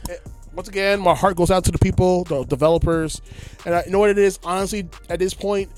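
A man's voice: high-pitched, fast talker, faint music behind. A man co-hosting a podcast, ranting in casual chat and sometimes mocking voices. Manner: animated, ranting, mocking voices mid-rant. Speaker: podcast co-host.

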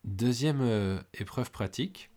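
A man hosting an interview podcast, briskly reading out prompts. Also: medium pitch, animated, warm tone. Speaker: host.

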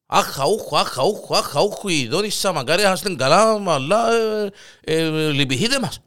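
Tired pleading neighbor with a Cypriot accent, high and groaning, put on by a man telling a joke. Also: expressive, fairly bright tone. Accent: Cypriot Greek. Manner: whiny, pleading, groans and sighs. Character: fed-up middle-aged male neighbor, sleepless and pleading.

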